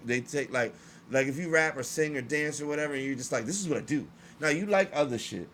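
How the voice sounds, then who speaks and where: A man's voice: on the high side, fast talker, fairly bright tone, slight background noise. A man hosting a live stream, talking in a casual, slangy way with many restarts. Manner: laid-back, slangy, talks in restarts. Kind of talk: casual chat.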